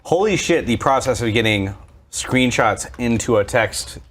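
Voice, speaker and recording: A man's voice: mid-range voice, animated, a little slow, fairly bright tone, a little hiss or hum. A man chatting on a livestream, blunt and profane, talking while eating. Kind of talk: casual chat on a livestream.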